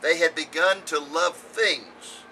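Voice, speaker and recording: A man's voice: on the high side, takes it slowly, sharp tone, recorded from a distance, slight background noise, rough recording. A man reading a sermon aloud with earnest, emphatic oratory, outdoors on a hilltop. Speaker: preacher.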